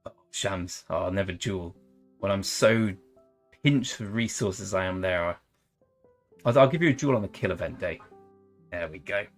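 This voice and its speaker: Deep-voiced and speaking at a normal pace, this young man leaves long pauses as he chats through a strategy game live-stream. Soft music sits in the background while he rambles, cracks jokes, and tries out goofy accents.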